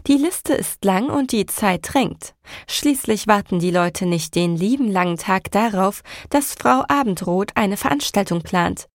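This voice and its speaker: A woman's voice: medium pitch, lively intonation, no echo, studio quality. A woman voicing a pushy inner driver voice. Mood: urgent. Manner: brisk, pushy. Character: lively driving inner voice, female, impatient.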